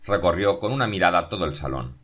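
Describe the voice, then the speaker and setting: A man narrating a novel as an audiobook, in a steady, measured reading. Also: deep voice.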